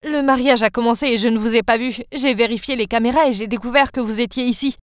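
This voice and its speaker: A woman's voice: on the high side, fairly even intonation, fast talker, smooth, dry recording, clean studio sound, natural voice. A woman voicing a polite, deferential young assistant. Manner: formal, deferential. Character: polite young male assistant, loyal and calm.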